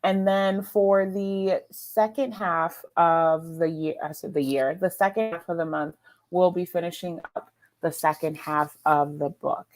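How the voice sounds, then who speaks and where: A livestream host leads a book readalong in a relaxed, chatty style, talking with her co-hosts and viewers. Her voice is lowish, steady, and a little slow.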